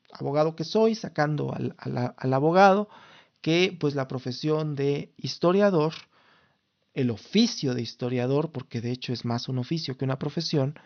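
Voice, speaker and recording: On his casual solo podcast, a man in his thirties from Mexico City speaks with a Mexican Spanish accent in a mid-range voice, the recording's highs cut off. He sounds formal and lawyerly and keeps restarting his sentences.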